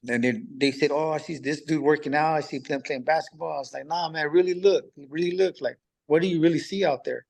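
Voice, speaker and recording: A medium-pitched man, a podcast guest recently released on parole, casually tells a personal story in conversation. He uses casual street talk, acts out past dialogue, and repeats himself.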